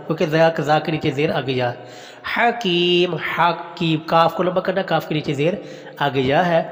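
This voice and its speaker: A man teaching Quran reading to adults, reciting each phrase slowly and drawn out, then explaining the letters plainly. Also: on the high side, big-room sound. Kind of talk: slow recitation lesson with explanations.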